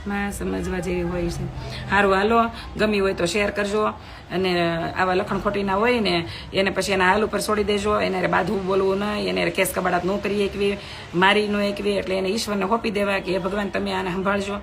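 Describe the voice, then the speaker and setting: A woman's voice: mid-range voice, little pitch movement, fairly quick, gravelly, a little hiss or hum. A middle-aged woman, chatting bluntly with viewers on a phone live stream, scolding and preaching.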